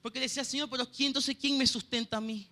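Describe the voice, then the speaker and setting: Here a man, a church pianist, preaches and gives his personal testimony in a Venezuelan Spanish accent. The voice is extremely high, steady, fast and bright, with real force behind it. His manner is earnest, and he repeatedly asks "¿sabe, hermano?" to see if listeners know.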